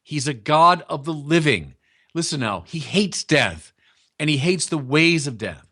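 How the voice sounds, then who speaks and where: A man's voice: on the high side, big pitch swings, unhurried, pushed and bright. A man preaching a sermon in a conversational, emphatic way, repeating his key points.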